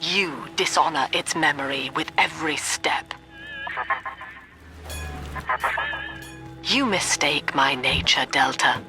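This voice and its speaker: An actress voices a video game villain, a cold and composed cult leader who is also a psychiatrist, delivering grave, precisely articulated preaching monologues full of cold reproach. Her female voice is deep and measured, heard over music in a low-quality recording.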